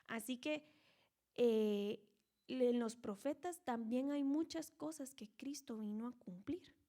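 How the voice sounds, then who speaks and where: A woman with a somewhat high voice teaching scripture in an online discipleship class. She talks in a relaxed, conversational way and keeps checking in with her listeners. She slips into the voices of the people in the story to bring it to life. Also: takes it slowly. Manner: conversational, frequent tag questions; dramatizes scripture characters. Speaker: Bible teacher. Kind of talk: online Bible study teaching.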